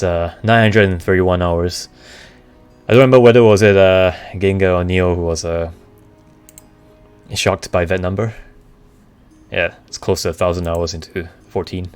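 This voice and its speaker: A man with a deep, low voice talks casually to his live stream audience over faint background music. He answers questions hesitantly, often stopping to search for the right word before carrying on. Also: clear, resonant tone. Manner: hesitant, halting, searching for words. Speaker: streamer, VTuber.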